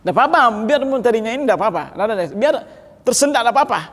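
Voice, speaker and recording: A man's voice: very high-pitched, expressive, rapid-fire, fairly bright tone. A man teaching a class how to preach, giving blunt feedback and laughing now and then. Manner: gives blunt advice and often laughs. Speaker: teacher of sermon practice. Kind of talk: classroom feedback on public speaking. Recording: echoey hall with long reverb.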